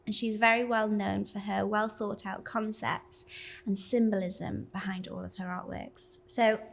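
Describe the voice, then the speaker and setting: A woman's voice: medium pitch, little pitch movement, unhurried, vocal fry, a little hiss or hum. A woman hosting an interview podcast, bubbly, reassuring and chatty with her guest. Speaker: podcast host. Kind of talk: casual interview chat.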